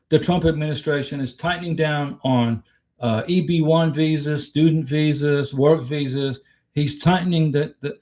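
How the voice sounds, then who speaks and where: On a casual livestream, an American man from Florida holds forth in a slightly high voice with a darkish tone. His delivery is blunt and emphatic, full of opinions, rhetorical questions, and replies to chat.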